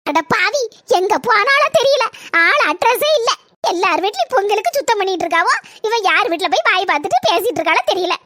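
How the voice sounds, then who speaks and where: A woman voicing a fussy middle-aged village mother in a cartoon, speaking Kanyakumari Tamil and nagging loudly. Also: very high-pitched, lively intonation, no room sound, studio quality, full character voice. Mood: scolding. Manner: nagging, loud and fast. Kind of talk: animated cartoon voice acting.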